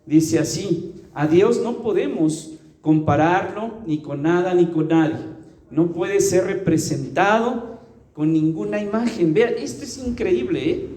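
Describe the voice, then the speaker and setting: A man's voice: high voice, measured pace, a little mellow, roomy sound. A man teaching a church Bible study, speaking earnestly, calling listeners brother and asking them rhetorical questions.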